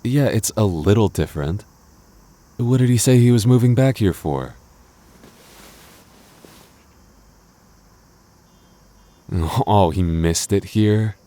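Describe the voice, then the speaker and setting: A man performs an intimate boyfriend audio roleplay in a very low, mellow voice, playing a jealous, protective young boyfriend who is defensive but loving. He sounds surprised and uneasy, stammering defensively and slipping in teasing asides.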